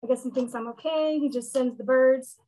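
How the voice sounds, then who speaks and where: High-voiced woman teaching casually on a video call. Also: fairly quick, low-quality recording. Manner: relaxed, explanatory, joking. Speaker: witchcraft teacher hosting a meetup. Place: home room.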